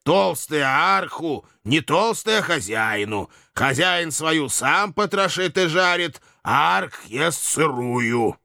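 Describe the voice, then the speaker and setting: A man's voice: a little high, animated, slow, creaky, few pauses, pushed and bright, no echo, clean studio sound, pitched above the performer's own voice, full character voice. A man voicing a hungry, simple-minded beast servant who speaks in broken phrases about himself in the third person. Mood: growling. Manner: broken childlike speech, growls, talks of himself in third person. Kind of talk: audiobook character voice.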